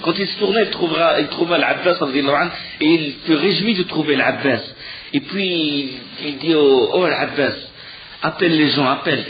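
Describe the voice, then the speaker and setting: Male religious teacher, higher-pitched, muffled recording with faint hiss, lively storytelling lecture. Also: fairly quick. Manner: animated storytelling, rising with emotion, frequent fillers and restarts.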